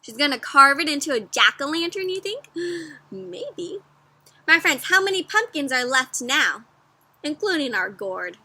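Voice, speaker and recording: A woman with a high voice reads a storybook aloud to young children at a measured pace, animated and teacherly, and keeps pulling them in with questions. The recording is dry.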